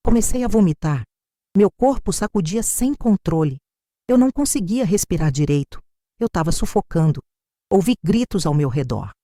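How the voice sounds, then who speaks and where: A woman's voice: lowish voice, expressive, normal speed, warm tone, no room sound, clean studio sound. An older Brazilian woman narrating a first-person story in a dramatic, emphatic way. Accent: Brazilian Portuguese.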